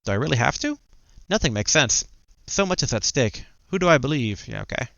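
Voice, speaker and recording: A man's voice: mid-range voice, big pitch swings, a little fast, vocal fry, a bit bright, no echo, muffled recording. A man doing casual video game commentary, talking to himself in repeated short phrases and reading game text aloud.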